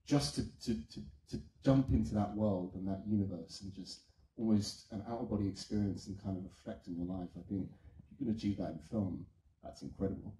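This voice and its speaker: A man with a low, very mellow voice speaks on a film panel. He is enthusiastic and rambles a little. The sound is roomy and echoing. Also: a little fast, a little hiss or hum. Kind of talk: panel answer. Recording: echoey room.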